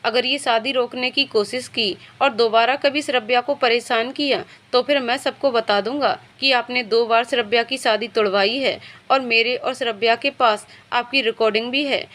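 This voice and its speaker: A woman's voice: fairly high pitch, steady tone, moderate pace, hardly any pauses, a bit bright, lightly acted. A woman voicing a playful, lovestruck young man in a storybook tale, speaking in a joking way.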